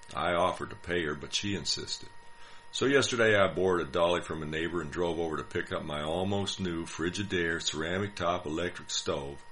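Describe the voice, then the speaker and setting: A middle-aged man reads a personal essay aloud with dry, self-mocking humor. His voice sits extremely low, with a creaky, gravelly texture. A faint hiss runs under the recording. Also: fairly bright tone. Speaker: storyteller.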